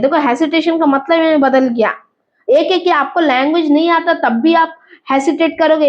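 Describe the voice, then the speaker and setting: A woman teaching an exam vocabulary lesson, explaining slowly, repeating words and asking and answering her own questions. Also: high-pitched, highs cut off. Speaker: English teacher.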